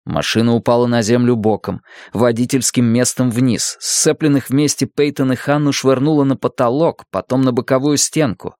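A man's voice: mid-range voice, steady tone, moderate pace, hardly any pauses, darkish tone, dry recording. Man narrating an audiobook, dry sound.

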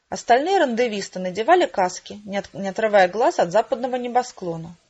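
Husky woman reading a novel. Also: medium pitch, a little mellow. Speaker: narrator. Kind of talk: audiobook narration. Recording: dull lo-fi recording.

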